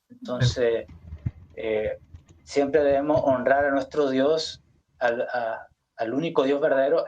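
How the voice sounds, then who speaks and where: A man's voice: mid-range voice, a little mellow, muffled recording. A man leading a casual Bible study discussion in an earnest, preachy way, often adding "¿no?". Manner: earnest, preachy, with many "¿no?" tags.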